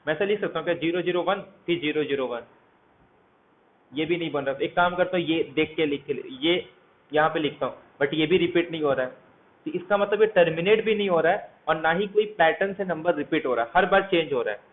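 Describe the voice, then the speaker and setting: A man's voice: a little high, brisk. Man teaching math over tinny audio. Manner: walks through steps, asks students questions. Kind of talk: explanatory lecture. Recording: tinny phone-like audio, faint hiss.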